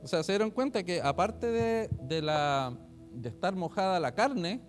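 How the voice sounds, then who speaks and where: Over faint music, a high-pitched male pastor speaks at a measured pace during a church online service. He animatedly quotes scripture aloud, then drops into chatty asides to explain it.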